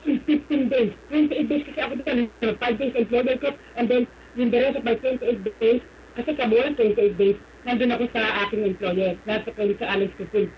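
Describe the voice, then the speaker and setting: A woman's voice: a little high, fairly even intonation, normal speed, a little hiss or hum. A woman from the Philippines giving an earnest, polite personal testimony on the radio, often slipping into English. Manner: earnest, polite, mixes English into her talk. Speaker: radio guest sharing a testimony. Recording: slightly muffled live radio stream.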